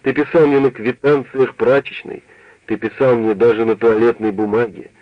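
A man voicing an older male doctor who speaks hoarsely, ashamed and angry at his son. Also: mid-range voice, steady tone, moderate pace, dry recording, natural voice. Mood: bitter. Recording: dull, dry radio recording.

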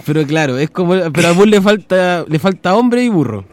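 High-voiced Chilean radio co-host. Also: male voice, lively intonation, brisk, darkish tone. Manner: rowdy slangy storyteller, acts out voices. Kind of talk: casual chat. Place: community radio studio.

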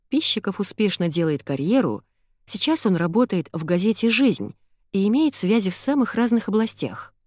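A woman reading a first-person audiobook in an expressive, excitable manner. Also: medium pitch, dry recording, studio quality. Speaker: audiobook narrator.

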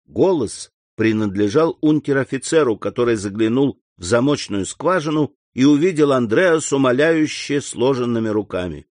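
A man narrates a classic novel in a measured, expressive reading. His voice sits at a middle pitch. The recording is dry, with no room sound. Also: dry recording. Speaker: audiobook narrator.

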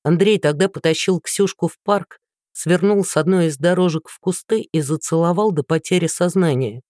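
A woman's voice: on the low side, moderate pace, a little mellow, no room sound. Woman narrating an audiobook in a dry sound. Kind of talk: scripted narration.

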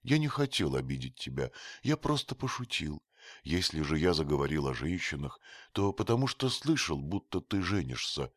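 A man voicing a timid, gentle youth with a high, soft boyish voice in a read-aloud story. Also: very animated, normal speed, dry recording, studio quality, full character voice. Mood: pleading. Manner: pleading, teasing.

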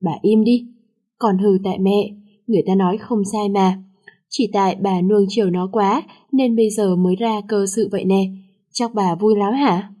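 A harsh middle-aged father scolds his daughter in a gruff, angry manner, as a woman reads him in a storybook. The voice stays mellow and dark in tone. There is no shouting and no strong change of voice. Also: mid-range voice, steady tone, moderate pace, natural voice. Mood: scolding.

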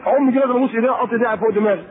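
An Egyptian man preaching a colloquial sermon to women, lively and teasing, acting out the people he quotes. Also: very high voice, rapid-fire. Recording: tinny phone-like lecture tape with faint hiss.

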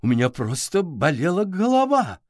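A man's voice: on the high side, wildly swooping pitch, moderate pace, darkish tone, dry recording, studio quality, voice pushed up. A man voicing a nervous, evasive older woman librarian who hesitates.

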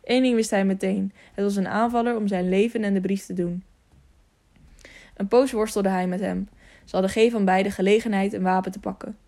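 Audiobook narrator, woman, gravelly mid-pitched voice, steady storytelling read. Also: a little fast. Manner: steady reading with occasional self-corrections. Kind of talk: scripted narration of a children's adventure novel.

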